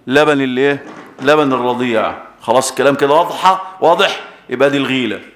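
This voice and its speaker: A man's voice: mid-range voice, fast, fairly bright tone, reverberant. An Egyptian man preaching a sermon with an Egyptian accent, emphatic, repeating key words and quizzing his listeners.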